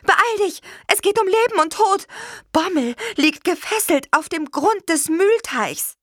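A woman voicing a feisty young apple witch who speaks in high, indignant bursts. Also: very animated, normal speed, fairly bright tone, no room sound, studio quality, heavily acted. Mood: urgent.

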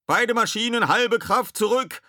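A man voicing a male ship's skipper who bellows orders in a high, strained voice. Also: measured pace, pushed and bright, no echo, studio quality, heavily acted. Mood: shouting orders.

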